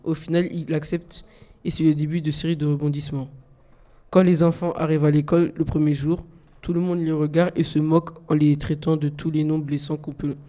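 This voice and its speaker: A man's voice: fairly high pitch, level tone, fairly quick, mellow. A teenage boy reading his segment on a student radio show, recorded before an audience. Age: late teens. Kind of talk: reading a poem and a film review.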